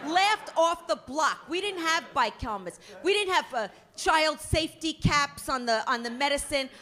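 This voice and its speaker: A woman's voice: sits high, a bit bright. A middle-aged woman doing a stand-up comedy routine, ranting in a brash, profane, self-mocking way.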